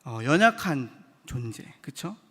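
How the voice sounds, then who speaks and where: On a Wednesday evening in a church sanctuary, a licensed preacher with a high-leaning voice delivers a conversational sermon at an unhurried pace. He asks the congregation questions and acts out short quoted lines in lively voices, with long hall reverb.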